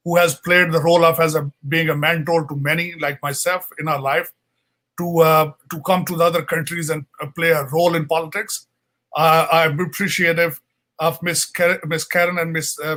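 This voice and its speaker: Earnest bright-voiced Pakistani man. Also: on the high side. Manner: earnest, repetitive, apologetic. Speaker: panel speaker, political adviser. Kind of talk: impassioned panel speech.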